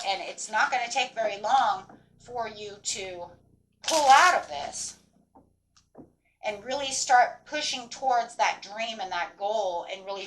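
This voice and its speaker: A woman's voice: mid-range voice, very noisy. A woman speaking as a fortune teller, giving a spontaneous, rambling and encouraging tarot reading, often checking in with "right?" and "you know". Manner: encouraging, affirming. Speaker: tarot card reader hosting a reading.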